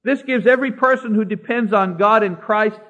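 A man preaching a sermon, slowing down to stress key words and citing scripture by chapter and verse. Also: high-pitched, bright, forceful tone. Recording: dull lo-fi recording.

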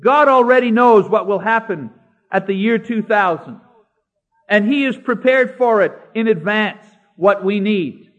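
A man preaching a sermon, slowing down to stress key words and citing scripture by chapter and verse. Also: sits high. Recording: dull lo-fi recording.

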